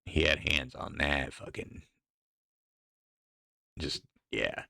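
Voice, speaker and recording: A man with a very low, gravelly voice rants casually about horror films. He talks in a profane, rambling, exasperated way. The sound is dry and close. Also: slow pace, bright, forceful tone, dry recording. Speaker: podcast host. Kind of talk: casual ranting commentary.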